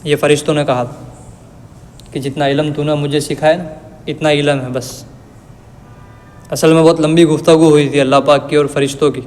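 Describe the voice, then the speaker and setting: A man giving a religious lesson, reciting verses slowly and then explaining them in plain everyday words. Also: fairly high pitch, level tone, a little mellow. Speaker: Quran teacher. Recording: long reverb.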